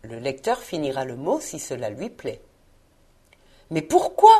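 A woman reading a classic novel aloud as an audiobook, with measured, expressive storytelling. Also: rumbling low, slightly rough. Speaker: audiobook reader. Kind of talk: scripted narration of a classic novel.

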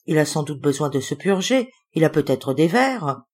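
A woman's voice: low voice, sing-song, normal speed, husky, exaggerated voice. Woman reading a teasing young man. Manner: joking, gently teasing. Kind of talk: audiobook character reading.

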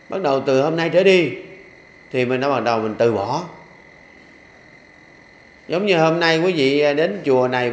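An older man who is a Buddhist monk, speaking with a Southern Vietnamese accent, preaching in a folksy, joking way with rhythmic repeated refrains in a temple hall. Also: mid-range voice. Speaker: Buddhist monk giving a dharma talk. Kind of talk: sermon. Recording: echoey hall with faint ambience.

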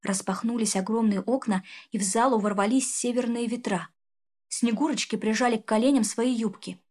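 Woman narrating a storybook. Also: a little high. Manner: expressive, measured. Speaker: audiobook reader.

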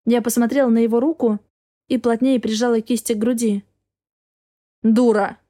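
A woman's voice: fairly high pitch, fairly even intonation, fairly quick, mellow. A woman narrating a first-person story as an audiobook reader, with an intense, dramatic delivery.

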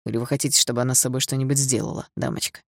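A woman's voice: extremely low pitch, fairly even intonation, very fast, no echo, studio quality. A woman reading an audiobook, voicing a curt, impatient male doctor who sneers. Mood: scornful. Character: gruff impatient male doctor, middle-aged.

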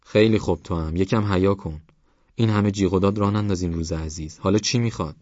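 A man's voice: sits low, a little mellow, no echo, highs cut off. A man voicing a grumpy middle-aged village man who scolds impatiently. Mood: irritated.

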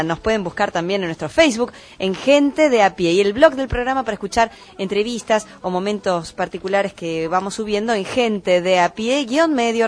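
Brisk radio co-host, woman. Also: fairly high pitch. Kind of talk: on-air announcements.

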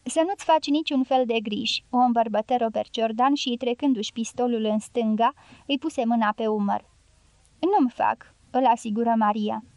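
A woman reads a novel aloud in steady, measured narration, touching the dialogue lightly without full character voices. Her voice sits a little high. The recording is dry and close, with no room sound. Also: dry recording. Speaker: audiobook narrator. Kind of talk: scripted narration.

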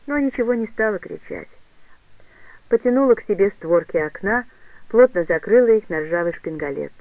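A man reading a story aloud as narrator in a measured, even way. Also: high-pitched, dry recording. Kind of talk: scripted audiobook narration. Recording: tinny phone-like sound, dry.

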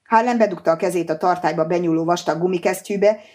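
A woman narrates an audiobook in scripted narration, reading at a steady, even pace. Her voice sits somewhat low.

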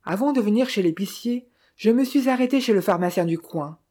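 A woman reading the lines of a small, courteous older male detective in formal, measured speech. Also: mid-range voice, animated, mellow, lightly acted.

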